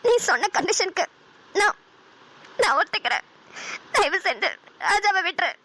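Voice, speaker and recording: A sobbing, pleading cartoon heroine. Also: female voice, extremely high pitch, lively intonation, normal speed, pushed and bright, full character voice. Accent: Namakkal Tamil. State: crying. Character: heartbroken young woman in love.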